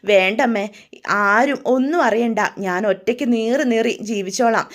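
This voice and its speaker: A woman's voice: a little high, normal speed, close to an everyday voice. A woman voicing a grief-stricken young man who keeps refusing to tell his family what hurts him, in a tearful, broken way. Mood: anguished. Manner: tearful, pleading, broken delivery.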